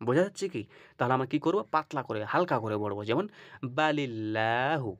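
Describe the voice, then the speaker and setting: A man teaches Quran reading in a patient, repetitive lesson style. His voice sits at a middle pitch and sounds close and dry, with no room echo. He checks in with the learner again and again and draws out example words slowly. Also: expressive, lo-fi sound. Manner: patient and repetitive, often asking "ঠিক আছে?" and drawing out Arabic examples slowly. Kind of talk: instructional video lesson.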